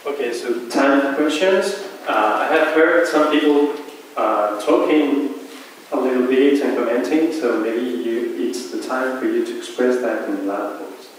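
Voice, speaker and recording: A man moderating a conference session, opening questions slowly and deliberately. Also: mid-range voice, slight background noise. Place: large lecture hall. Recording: echoey hall from far off.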